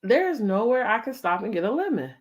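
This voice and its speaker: Speaking a little fast in a higher-leaning, sing-song voice, an American woman hosts a relaxed family storytime interview. She talks conversationally, using "like" and "you know" a lot.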